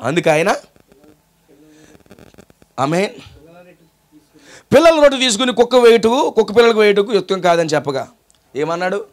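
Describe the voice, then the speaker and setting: High-voiced Telugu-accented pastor preaching. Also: male voice, lively intonation, normal speed, pauses often. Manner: preaching with rhetorical questions and call-and-response. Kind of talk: sermon.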